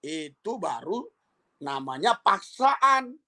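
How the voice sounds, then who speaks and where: A man with a notably high voice talks through his views as an evangelist in an easygoing, conversational way. He sounds calm and persuasive. He peppers his sentences with "ya" and tag questions aimed at the listener. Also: slow pace. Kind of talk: casual spoken monologue.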